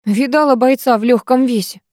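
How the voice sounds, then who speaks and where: A cool, teasing teenage girl with a raised voice, as a woman reading puts her on. She mocks in a dry way. The tone stays mellow and the sound dry. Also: a little high, a little fast, dry recording, voice pushed up, lightly acted. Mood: mocking.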